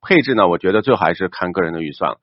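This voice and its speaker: Man, fast-paced, slightly low voice, joking car-show co-host, dull dry studio sound. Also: animated, no echo. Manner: joking, answers listener questions. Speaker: radio car-advice co-host. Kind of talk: casual on-air banter.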